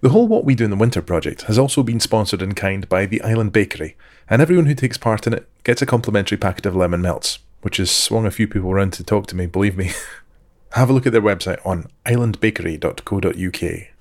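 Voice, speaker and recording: A man hosting an interview podcast, reading a measured scripted introduction and asking questions. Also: fairly low pitch, a little mellow. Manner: measured, reads sponsor details slowly and clearly. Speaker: podcast host.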